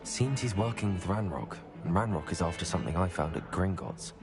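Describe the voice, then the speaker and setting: A man's voice: deep voice, fairly quick, over music. An actor voicing a polite, earnest young male student wizard.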